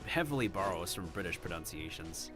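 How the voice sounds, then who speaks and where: A male streamer talks through his play in a low voice that still swings up and down with a lot of life. His chat is wry and self-mocking. Game music plays clearly behind him. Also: animated, a little fast. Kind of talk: casual gameplay commentary.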